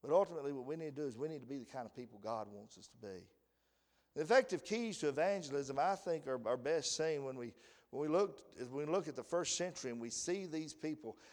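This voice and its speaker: Animated preacher man in an echoing hall. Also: fairly high pitch, fast talker. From United States. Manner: animated, laughs often, quotes scripture in a rising voice. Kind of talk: sermon. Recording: long hall reverb.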